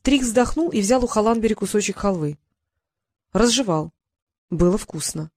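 Female audiobook narrator, mid pitch, dry close booth sound. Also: lively intonation, moderate pace, a little mellow, dry recording. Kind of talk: scripted narration.

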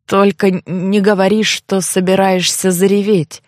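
A shapeshifting creature back in a young man's form, performed by a woman narrator in a low, husky near-whisper. He speaks slowly and teases softly. The reading is close and dry. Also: no echo. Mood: teasing, tender. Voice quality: husky, hushed. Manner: soft, slow and teasing. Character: shapeshifting beast turned young man, fond and teasing.

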